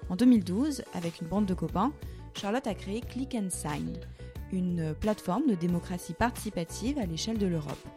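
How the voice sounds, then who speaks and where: A young woman hosting a podcast, reading a clear explanatory introduction and then interviewing a guest. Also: fairly low pitch, animated, moderate pace, warm tone, soft background music. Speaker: podcast host. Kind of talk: scripted narration and interviewing.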